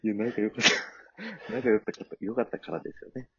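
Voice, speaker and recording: A man's voice: lowish voice, fairly even intonation, husky, lo-fi sound. A man in his mid-thirties co-hosting a casual comedy podcast. He jokes and laughs along as he looks back on old times with his partner. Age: mid-30s. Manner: joking, quick to laugh. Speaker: comedy duo podcast co-host. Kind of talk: casual chat.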